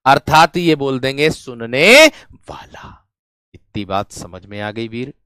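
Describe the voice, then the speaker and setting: A Hindi teacher with a medium-pitched, fairly bright, clean voice leads a grammar lesson, drilling each phrase over and over. He calls his students his friends and brave ones. The recording is dry, with clean studio sound.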